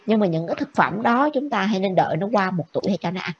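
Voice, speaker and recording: A woman teaches a class at a rapid clip, pausing again and again to ask whether her students follow. Her voice sits mid-range for a woman. The recording is dull and lo-fi, with a faint hiss underneath. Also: mid-range voice, lively intonation. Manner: brisk, keeps checking with the class. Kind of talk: classroom lecture.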